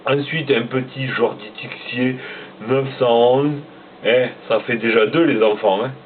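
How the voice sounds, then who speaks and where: A man talks casually at an unhurried pace, often stumbling over names and laughing at himself. His voice sounds thin and phone-like, as if picked up from a distance, with faint noise behind him. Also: medium pitch. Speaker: motocross vlogger. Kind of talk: casual chat reading out a rider list. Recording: tinny phone-like sound from away from the mic.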